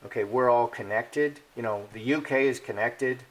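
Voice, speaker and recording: A man's voice: mid-range voice, normal speed, a little hiss or hum. Guy rambling on while reading cards, lots of uhs and you knows, opinionated. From Polish heritage. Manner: rambling, opinionated, with many fillers and restarts. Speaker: card reader and commentator. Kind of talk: casual monologue.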